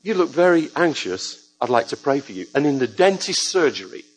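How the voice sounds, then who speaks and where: A man's voice: a little high, fairly quick, slightly rough, rough recording. A man preaching a sermon to a church congregation, telling stories with joking asides. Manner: lively storytelling with joking asides.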